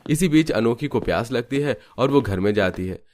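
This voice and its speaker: A man narrating a cartoon story in steady, scripted storytelling. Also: mid-range voice, moderate pace.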